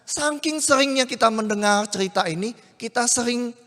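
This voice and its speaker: A male preacher with a high voice tells a story animatedly, turning often to his listeners. He speaks in a church hall whose long reverb trails each phrase. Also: moderate pace. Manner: animated, addresses listeners directly. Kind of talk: sermon with storytelling.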